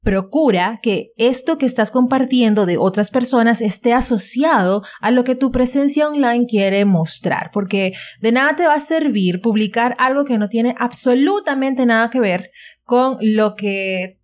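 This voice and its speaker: A woman's voice: a little high, a little slow. A woman hosting her own podcast, giving casual advice in a chatty way and correcting herself as she goes. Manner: chatty, restarts and self-corrections. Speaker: podcast host.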